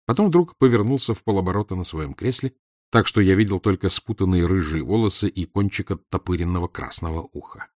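A man narrating an audiobook in a measured, steady reading. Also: sits low, dry recording, studio quality.

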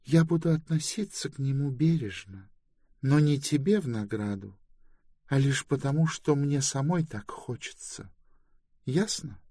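A teasing young woman from an audiobook, sure of herself and quick with a barb. The voice sits higher than his own and leaps lively up and down. The read is unhurried and close-miked in a dry booth. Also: no echo. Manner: playful, sharp-tongued retorts. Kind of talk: audiobook dialogue acting.

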